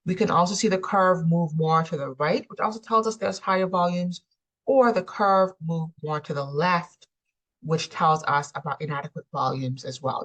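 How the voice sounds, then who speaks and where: A woman's voice: sits low, rough recording. A woman lecturing on anatomy, explaining steadily with frequent ums. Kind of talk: recorded lecture.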